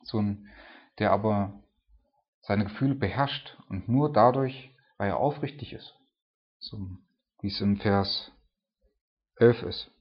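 A preacher delivers a sermon on a psalm in a conversational tone, peppering his talk with "so" and "ne?". His voice is lowish and slow with frequent pauses, and the recording is lo-fi.

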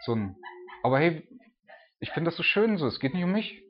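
A man's voice: a little high, big pitch swings, fairly quick, muffled recording. A man preaching in a loose, chatty way, full of filler words. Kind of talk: casual preaching.

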